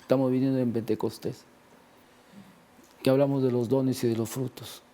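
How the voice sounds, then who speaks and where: A man's voice: mid-range voice, flat delivery, moderate pace, dark tone. A man in a conversational religious talk, discussing faith and healing and retelling gospel scenes with acted-out quotes.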